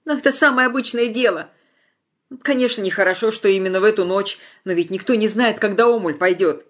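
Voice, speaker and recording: A young man, as a storybook reader puts him on, talks gently and persuasively. His tone is soothing and coaxing, with an uneasy, placating edge. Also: mid-range voice, fairly quick, pitched above the performer's own voice, natural voice.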